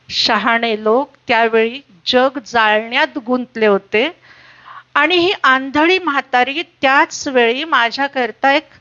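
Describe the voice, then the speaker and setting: A woman narrating a reflective literary reading in a measured way. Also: high voice, bright, forceful tone, lo-fi sound. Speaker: reader at a literary stage program.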